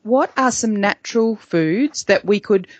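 A woman's voice: medium pitch, lively intonation, unhurried, no room sound. Curious woman host, dry lo-fi sound. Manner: friendly, curious, shares family anecdotes. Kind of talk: casual interview chat. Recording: dry, dull lo-fi audio.

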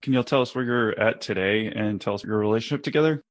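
A man's voice: on the low side, quick pace. A man asking casual questions as an interview host.

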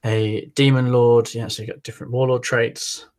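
A man co-hosting a podcast who reads out tabletop rules in a brisk, matter-of-fact way. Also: mid-range voice, level tone, darkish tone. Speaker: podcast co-host. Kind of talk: reading out game rules in casual chat. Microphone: remote call.

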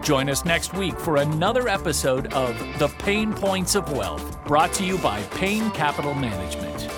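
Casting: male announcer, lively pitch, outro read over loud background music. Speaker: podcast announcer. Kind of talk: scripted outro with disclaimer.

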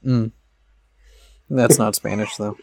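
A man with a gravelly voice talks through a film plot in a rambling podcast chat, full of ums and restarts. His speech is low, and the recording is dry and close. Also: fairly even intonation, slow pace, warm tone, dry recording. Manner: rambling, explanatory, with many fillers. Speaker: podcast co-host. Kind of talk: casual chat.

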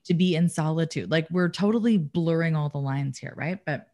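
A woman's voice: deep voice, normal speed, mellow. A woman, a relationship coach and author, talking in a reflective, emphatic way in casual conversation, swearing now and then.

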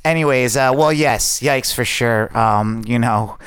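A man's voice: mid-range voice, unhurried, fairly bright tone, clean tone, no room sound, studio quality. A man co-hosting a podcast in casual chat, rambling a little and laughing easily. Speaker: podcast co-host.

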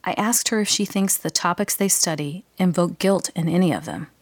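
Woman, reporter, scripted feature narration, slightly low pitch, dry close recording. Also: moderate pace, no room sound.

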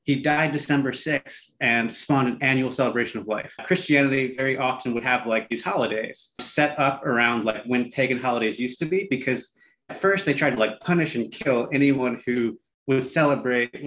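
Male co-host, average pitch, chatty explainer with a dry, irreverent edge. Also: moderate pace, a bit bright, poor audio. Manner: conversational, wry, irreverent. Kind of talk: casual explainer chat.

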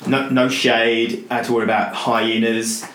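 A man telling a story as a podcast guest, animated and full of restarts and repeated words. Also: mid-range voice, moderate pace. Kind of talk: casual storytelling in conversation. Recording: roomy with faint hiss.

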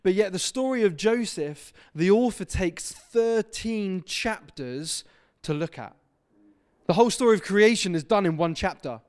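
A visiting preacher in his thirties from Devon, England, gives a sermon in a church hall. His voice is high-pitched, expressive, a little mellow, and clean in tone, and he takes his time. He's chatty and self-deprecating.

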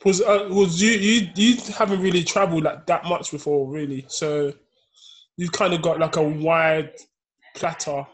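A man's voice: fairly high pitch, steady tone, moderate pace. A man with an urban London roadman accent, leading a casual, slangy chat and prompting the others. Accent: London, urban street slang. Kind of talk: casual podcast group chat.

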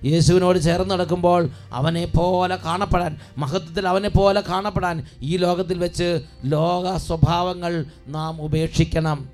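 A man preaching a fervent sermon who stresses his points by repeating phrases and drawing key words out slowly. He also calls on his listeners to shout responses. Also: high voice, little pitch movement, faint music behind.

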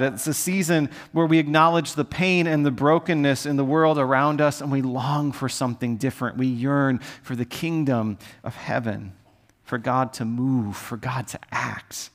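A middle-aged man preaching a sermon as a pastor, talking in a conversational, earnest way and dropping to soft, pleading tones when he reads the scripture aloud. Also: mid-range voice, fairly even intonation, normal speed.

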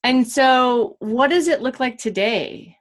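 A woman hosting a podcast, calm, with short listening sounds and halting questions. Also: high voice. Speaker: podcast host. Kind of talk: interviewing, casual conversation.

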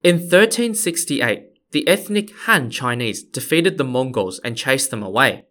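Male podcast host, mid-pitched voice, scripted history narration with casual asides. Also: lively intonation, measured pace, pushed and bright. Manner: conversational, playful asides to listeners.

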